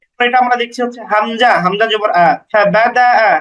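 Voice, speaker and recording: A man's voice: extremely high pitch, fairly even intonation, fairly quick, fairly bright tone, dull audio. A man teaching beginners to read the Quran, spelling out each letter and vowel mark syllable by syllable with patient, brief explanations.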